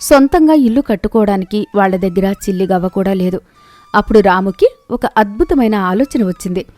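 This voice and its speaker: A woman narrating a moral tale for an animated storybook in an even, expressive manner. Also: medium pitch, brisk, no room sound, faint music behind.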